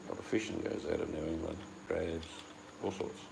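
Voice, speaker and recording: A man's voice: very deep voice, flat delivery, a little fast, gravelly, noisy background. A man from the United Kingdom chatting casually and rambling as host, acting out the voices he quotes. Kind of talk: casual chat.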